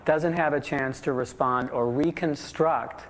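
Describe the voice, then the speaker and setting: A man's voice: a little high, steady tone, measured pace. Explanatory man, faint noise behind him. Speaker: former medium turned skeptic. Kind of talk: explanatory interview talk with demonstrations. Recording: faint background location noise.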